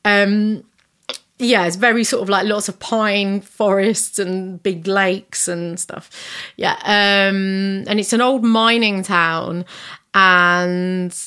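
A woman's voice: medium pitch, steady tone, slow, sharp tone, clear, resonant tone. A young woman talking casually and enthusiastically, rambling with lots of fillers and laughs. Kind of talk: casual chat.

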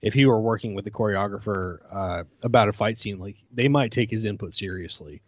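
A man co-hosting a podcast, chatting casually in a measured way with dry humor. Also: fairly low pitch, no echo. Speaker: podcast co-host. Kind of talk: casual chat. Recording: slightly dull, lo-fi sound.

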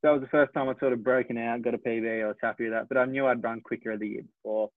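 A man's voice: mid-range voice, fairly even intonation, no echo. Sprinter in his twenties on a tinny line. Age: 20s. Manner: reflective, measured, self-correcting. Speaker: sprinter, interview guest. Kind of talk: casual interview talk. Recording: dry, tinny phone-like line.

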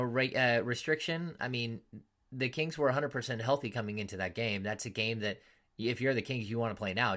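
A male sports podcast host in casual conversation, with a mid-range voice that jumps up loudly whenever he quotes fans or announcers. He tells his stories in an animated way. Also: mid-range voice. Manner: animated storytelling, loud voices when quoting fans. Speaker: podcast host, team insider.

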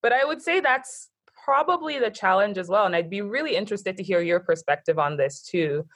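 A woman's voice: mid-range voice, lively intonation, a little fast, fairly bright tone, slightly rough. A woman with an American accent, a guest talking thoughtfully in a casual conversation, with frequent fillers. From born in Japan, Nigerian, raised in the US.

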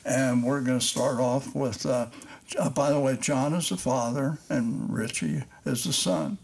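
An older man hosting a podcast interview, talking in a slow, meandering way with many fillers. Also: medium pitch, a little mellow. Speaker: podcast host. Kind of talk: casual interview. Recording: noisy background.

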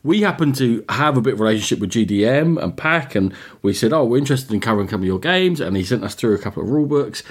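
A man's voice: mid-range voice, lively intonation, very fast, few pauses, slightly rough. A man co-hosting a casual board game podcast, setting out game details in long running sentences. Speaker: podcast co-host.

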